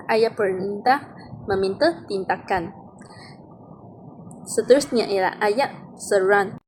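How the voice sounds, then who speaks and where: Woman, mid-pitched, methodical grammar read-through, faint hiss behind. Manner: steady, methodical reading with example sentences. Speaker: student presenting an assignment. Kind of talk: read-aloud grammar explanation.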